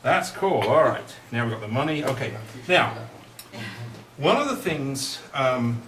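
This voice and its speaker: A man's voice: medium pitch, expressive, a little slow, a bit bright. A middle-aged man performing as a kids' party magician, with playful patter that coaxes the young audience along with questions. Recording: roomy, distant mic, faint noise.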